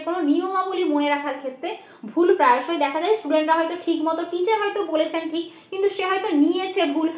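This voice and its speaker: A woman's voice: extremely high pitch, roomy sound, highs cut off. A woman from West Bengal teaching an exam-prep lecture, explaining with rhetorical questions and frequent checks like "right?".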